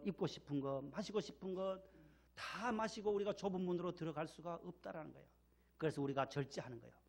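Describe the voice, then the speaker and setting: Male Korean pastor, slightly high gravelly voice, emphatic repeating sermon delivery. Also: darkish tone. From Gyeongsang region, Korea. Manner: emphatic, repeats key words, leads call-and-response. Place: church sanctuary.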